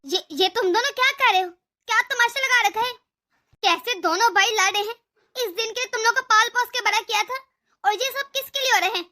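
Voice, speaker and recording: Woman voicing a bossy cartoon mother-in-law, old and sharp-tongued, voice high and bright. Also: fairly quick. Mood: scolding. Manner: scolding, sharp.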